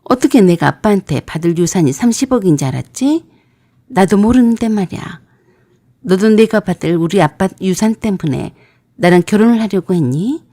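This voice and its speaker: A woman's voice: medium pitch, lively intonation, moderate pace, mellow, dry recording, clean studio sound. Woman playing an angry young bride-to-be. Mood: accusing. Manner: confronting, pointed questions.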